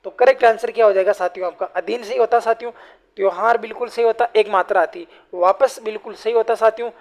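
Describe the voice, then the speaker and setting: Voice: mid-range voice, steady tone, fast. Repetitive, rhetorical woman teacher. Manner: asks rhetorical questions and answers them herself; keeps addressing the listeners as friends. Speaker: exam-prep teacher. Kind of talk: online exam-prep lecture.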